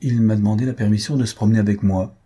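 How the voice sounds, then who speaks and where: Rôle : jeune comtesse orgueilleuse et retenue, lue par un homme, ton sec, timbre sombre et très voilé. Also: male voice, fairly low pitch, steady tone, fast, mellow, husky. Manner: curt, restrained replies. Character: young woman, reserved countess, proud and guarded.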